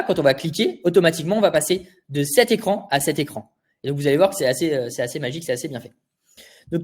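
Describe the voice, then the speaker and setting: Young male instructor, slightly high voice, chatty live-tutorial delivery full of rhetorical questions. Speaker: design instructor. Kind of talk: live screen-share tutorial.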